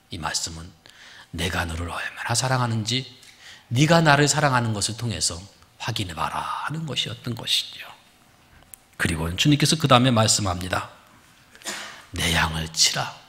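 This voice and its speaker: Animated gravelly pastor preaching. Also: male voice, fairly high pitch. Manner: wide swings between loud emphasis and hushed, whispered lines. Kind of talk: sermon. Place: church sanctuary.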